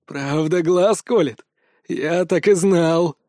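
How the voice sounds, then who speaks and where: A man doing a shrill whiny trickster god. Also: lively intonation, normal speed, dark tone, no room sound, studio quality. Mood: indignant. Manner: shrill, theatrical, indignant. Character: sarcastic ancient trickster god, male, whiny.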